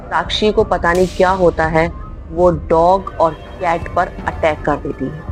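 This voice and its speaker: A woman's voice: lowish voice, darkish tone. A woman narrating a spooky horror story in a dramatic, emphatic way, often stressing how very scary things were. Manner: dramatic, repeats "very much" for emphasis. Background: faint music.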